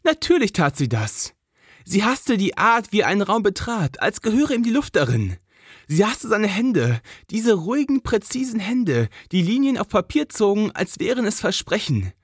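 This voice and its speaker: Romance audiobook narrator: expressive, slightly husky, very dry close recording. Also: medium pitch, no room sound. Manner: emotive, lingering pauses.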